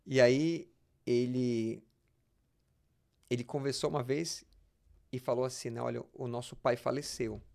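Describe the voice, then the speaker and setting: Speaking unhurriedly with a steady, slightly mellow mid-range voice, a Brazilian pastor shares personal stories as an interview guest. There's vocal fry and long pauses, and he tends to repeat words while explaining things in a conversational way.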